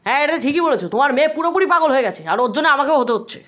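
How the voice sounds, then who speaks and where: A woman's voice: high-pitched, lively intonation, racing, fairly bright tone. A woman playing a flustered, stammering grown child who bickers with a sibling and teases the mother in a comedy sketch.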